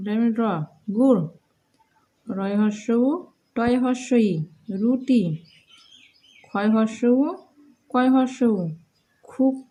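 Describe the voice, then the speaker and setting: A woman with a Bengali accent teaching young children, spelling out letters and words in a slow, sing-song way. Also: on the high side, warm tone, rough recording.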